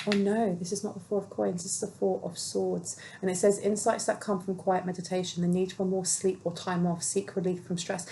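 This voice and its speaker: A woman's voice: medium pitch, level tone, brisk, gravelly, hardly any pauses, dark tone, slight background noise, poor audio. A woman giving a casual, chatty tarot reading, reading card meanings aloud and musing on them. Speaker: tarot reader.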